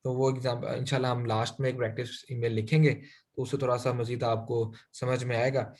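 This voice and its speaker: A man's voice: mid-range voice, flat delivery, brisk, a little mellow. A man teaching an online finance class, speaking Urdu-Hindi with many English phrases and frequent fillers. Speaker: finance instructor.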